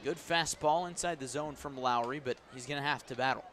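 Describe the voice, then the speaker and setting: Brisk and a bit bright, this male radio announcer calls a baseball game live, painting the action and leaning into key plays with lifts and stresses on every pitch. Clear ambient sound of an outdoor ballpark carries behind his voice.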